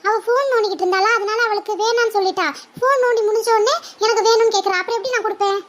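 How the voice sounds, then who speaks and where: A bratty teenage schoolgirl whines and complains, played by a woman. Her very high voice pleads in a steady stream of grievances. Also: very fast, background noise. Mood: whining. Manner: whining, complaining. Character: whiny bratty schoolgirl daughter.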